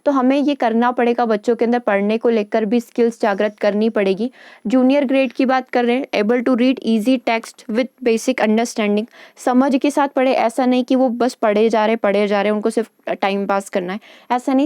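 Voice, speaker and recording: Woman lecturer, mellow and smooth, explaining patiently with frequent check-ins. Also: on the high side, fairly even intonation, dry recording, studio quality. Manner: explains in Hindi with English terms and quick check-ins; reads English lines slowly and carefully. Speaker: teacher. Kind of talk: lecture on English teaching.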